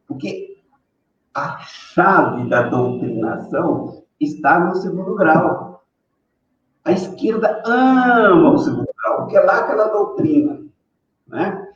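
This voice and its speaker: An older man talking casually as a professor guest on a live stream, rambling with frequent tag questions and fillers. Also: a little high. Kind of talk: casual opinion talk. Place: room on a live video call. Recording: distant, echoey, dull lo-fi sound with faint noise.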